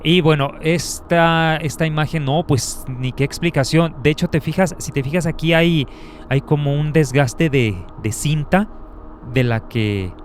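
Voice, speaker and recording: A man's voice: fairly high pitch, unhurried. A middle-aged man hosting a paranormal radio show, chatting casually and thinking aloud with many restarts. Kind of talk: casual storytelling chat. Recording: faint background noise.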